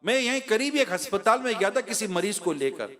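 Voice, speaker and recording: A man preaching an impassioned sermon, swinging between raised appeals and hushed storytelling. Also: high voice, animated, fairly quick. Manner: impassioned, acts out voices of parents and children; drops to a hushed voice when telling a personal story. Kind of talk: emotional sermon.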